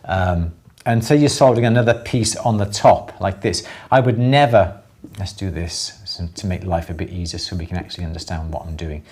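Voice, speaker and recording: A middle-aged Welsh man with a fairly low, somewhat dark voice talks a live audience through hands-on craft work. He keeps it casual and repeats words to drive his points home.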